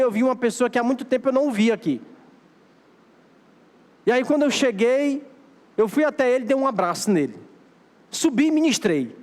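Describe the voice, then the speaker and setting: A man with a high, light voice preaches in a Brazilian accent, urging his listeners on in short repeated phrases. His sermon rings out with the long reverb of a big church sanctuary. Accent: Brazilian Portuguese. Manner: exhorting, repetitive preaching cadence. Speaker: pastor.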